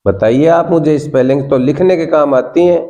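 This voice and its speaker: Man, Indian accent, English teacher, mellow tone, coaxing, repeats prompts. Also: fairly high pitch, moderate pace. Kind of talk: classroom lesson.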